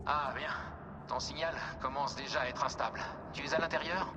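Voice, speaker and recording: An actor playing a casual, wry tech teammate guiding an explorer by radio in a video game, explaining things naturally. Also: male voice, fairly even intonation, fairly quick, lightly acted. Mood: attentive, cautioning. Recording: loud music and engine rumble behind.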